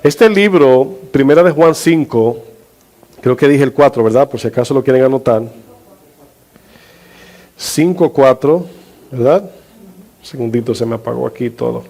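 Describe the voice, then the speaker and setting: A man's voice: mid-range voice, animated, unhurried, gravelly, long pauses, dark tone. A male pastor preaching a sermon, questioning his congregation and drawing out key words for emphasis.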